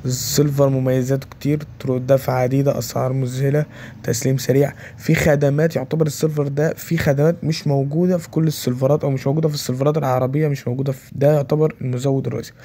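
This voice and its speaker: A man with an Egyptian Arabic accent gives a casual screen walkthrough of a website, dropping "okay" between every step. His medium-pitched voice stays fairly even, moving very fast with a dark tone over slight background noise.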